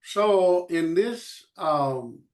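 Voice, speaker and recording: A man teaching a Bible study in short phrases, pausing for an interpreter, halting with many fillers. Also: high voice, animated.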